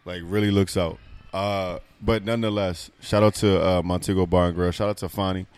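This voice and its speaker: A very deep-voiced man in his thirties hosting a laid-back podcast. He rambles and restarts, breaks into laughter often, and talks loudly and playfully. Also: steady tone, brisk, smooth, dry recording. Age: 30s. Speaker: podcast co-host. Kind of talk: casual chat.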